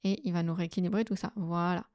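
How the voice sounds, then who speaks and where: A woman hosting a software tutorial, explaining each step casually with frequent fillers. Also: on the low side, steady tone, fast talker, no room sound. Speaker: astrophotography tutorial host. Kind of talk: screen-recorded software tutorial.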